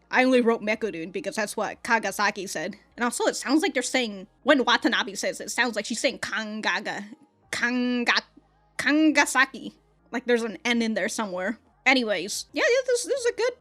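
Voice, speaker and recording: Hosting an anime reaction channel, a woman with a fairly bright, high-leaning voice offers casual review commentary. She's chatty, swears freely, laughs a lot, and thinks out loud with frequent restarts.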